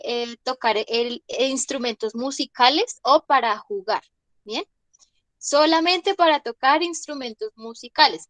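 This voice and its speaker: High-voiced woman teaching an online class. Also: fairly bright tone, no room sound. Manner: patient, asks students questions and repeats examples. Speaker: English teacher. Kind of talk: online class explanation in Spanish.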